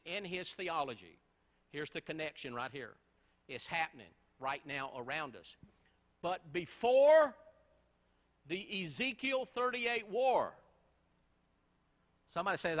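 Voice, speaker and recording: A man's voice: high voice, bright, forceful tone, long reverb tail. A male pastor preaching a sermon in a church, throwing emphatic rhetorical questions at his congregation. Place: church sanctuary.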